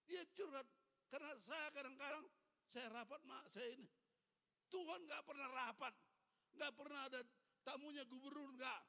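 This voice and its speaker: A man's voice: very high voice, normal speed, vocal fry, long pauses, pushed and bright. A man in his eighties, a pastor preaching a sermon in a church hall, urging the congregation with fervent, repetitive exhortations. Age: 80s. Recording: long reverb of a hall.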